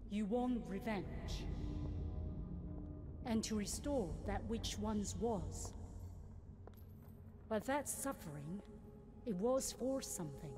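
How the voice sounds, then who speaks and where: A woman's voice: mid-range voice, animated. A woman playing a stern, vengeful older martial-arts master in a video game, with grave, solemn delivery. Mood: grave, judging. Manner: slow, grave, solemn pronouncements. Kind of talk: dramatic video game acting. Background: loud game music.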